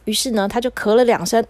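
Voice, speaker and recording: A woman narrating a children's story quickly, with a slightly preachy manner. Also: on the high side, darkish tone, no echo.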